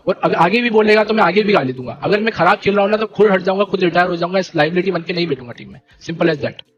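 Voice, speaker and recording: A young man leading a gaming team, ranting to his stream viewers in an animated, indignant way and repeating fillers. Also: high voice, fast talker, highs cut off, faint music behind. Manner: animated and indignant, keeps repeating "theek hai" and "bhai". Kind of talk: heated live-stream rant.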